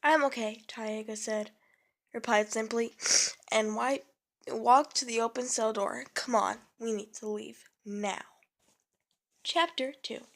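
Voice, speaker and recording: Slow, halting young woman reading a story. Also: a little high, creaky. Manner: slow, halting reading with self-corrections and asides. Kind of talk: reading her own story aloud.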